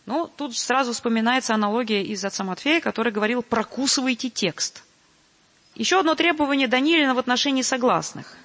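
A woman giving a measured, deliberate lecture and reading quotations aloud. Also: a little high, fairly bright tone, in a large hall. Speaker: lecturer on church choir singing.

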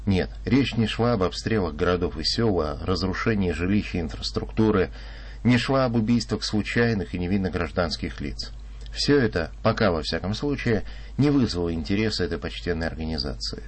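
A man's voice: deep voice, expressive, normal speed, breathy edge. A man delivering a radio editorial commentary in a pointed, ironic argumentative tone.

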